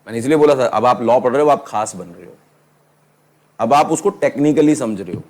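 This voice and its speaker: Lively male law teacher lecturing a class. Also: medium pitch, brisk. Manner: lively, teasing, addresses students as beta.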